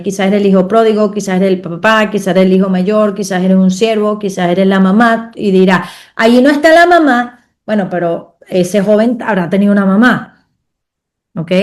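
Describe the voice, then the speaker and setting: A woman radio host leading a guided prayer meditation, speaking directly to the listener in a slow, gentle way. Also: mid-range voice. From Latin America. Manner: slow, softly paced, addresses listener directly.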